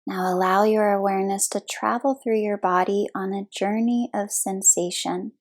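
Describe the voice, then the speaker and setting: Leading a guided relaxation as a yoga nidra instructor, a woman uses a medium-pitched voice with fairly even intonation. Her short, soothing phrases come slowly, with long gaps in between.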